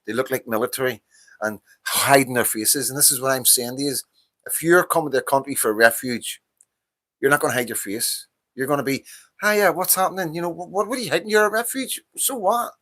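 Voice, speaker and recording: A man in his fifties with a Northern Irish accent hosts a livestream, speaking briskly in a medium-pitched, slightly bright voice. He gives a casual political monologue as a passionate, profane rant full of repetition.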